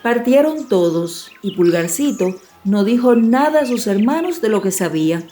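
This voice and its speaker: Her mid-range voice carries a fairy tale told as a scripted audiobook, and she narrates in a measured yet expressive way.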